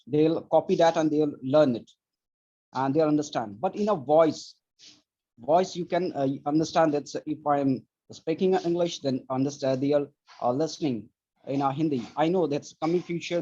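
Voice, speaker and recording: A man from Pakistan hosting a webinar, asking a long question with many pauses, fillers and restarts. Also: a little high, dark tone. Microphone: video call. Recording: lo-fi video call audio.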